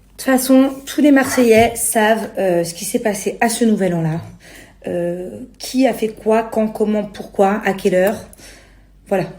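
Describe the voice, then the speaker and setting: A young woman rants casually to her followers in an exasperated, self-justifying way, full of slang. Her voice is mellow and soft-edged at a middling pitch, with a clearly roomy echo around it. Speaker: reality TV personality. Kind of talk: casual spoken rant to followers.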